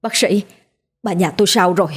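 A woman's voice: mid-range voice, normal speed, breathy edge. Woman as a desperate old father. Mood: pleading. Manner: pleading, stammering. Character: aging balding father, desperate and guilt-ridden.

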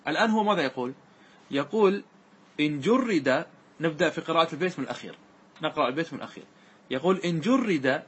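A man teaching classical grammar to a class, asking questions and answering them himself, and reciting verse lines slowly. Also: a little high, fairly bright tone, breathy edge.

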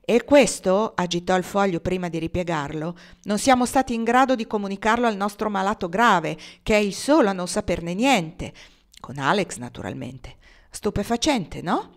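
A composed, somewhat pompous older male lawyer holds court in measured, formal sentences, as a woman reads him aloud. His speech is unhurried and deliberate. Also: mid-range voice, expressive, natural voice. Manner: measured, formal storytelling delivery.

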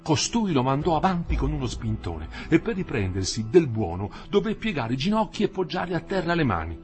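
A man reading a novel aloud in a measured, expressive storytelling manner. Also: on the high side, soft background music. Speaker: audiobook narrator. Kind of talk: literary audiobook reading.

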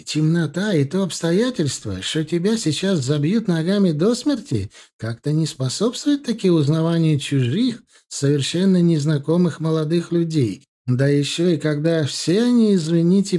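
A male narrator doing a fussy, ironic lawyer with a raised, mannered voice. He speaks slowly and with dry irony, in an audiobook reading. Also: a little high, big pitch swings, dark tone, voice pushed up.

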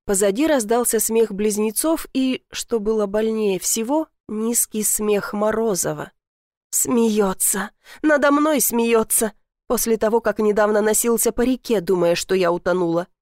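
A young woman narrating a first-person audiobook in a lively, indignant storytelling manner. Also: medium pitch, moderate pace, hardly any pauses, no echo, clean studio sound.

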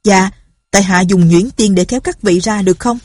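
A woman's voice: medium pitch, brisk, a little mellow, no room sound, lightly acted. A woman voicing a polite, deferential older male martial artist in an audiobook. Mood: concerned.

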